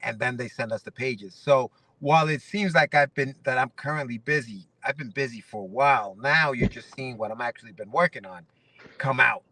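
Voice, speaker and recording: A man in his forties from Ecuador, a guest comedy writer, chats casually in an interview, rambling with lots of restarts and fillers. His medium-pitched voice is bright and pushed, moving a little quickly. The dry recording is poor, with him sitting far from the microphone.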